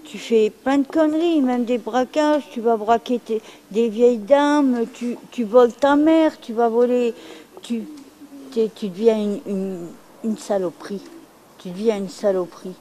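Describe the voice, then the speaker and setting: A woman's voice: on the high side, unhurried, dark tone, slight background noise, rough recording. A middle-aged woman from France speaking frankly and bluntly about her past, repeating herself for emphasis. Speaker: interviewee. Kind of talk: candid testimony.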